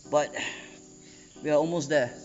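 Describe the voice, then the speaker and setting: A man's voice: a little high, measured pace, darkish tone, reverberant, dull audio, faint music behind. A man, hosting and narrating a casual outdoor fishing vlog. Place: outdoors at a cliff and cave.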